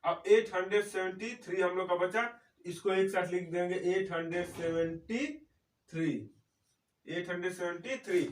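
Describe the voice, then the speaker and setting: A man with a high voice walks through a math lesson one step at a time and checks in with "okay" after each point. He stands some way from the mic, and the room around him rings with echo. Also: fairly even intonation, recorded from a distance, a little hiss or hum. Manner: explains slowly, often checks in with "okay". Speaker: teacher. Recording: echoey room, speaker away from mic.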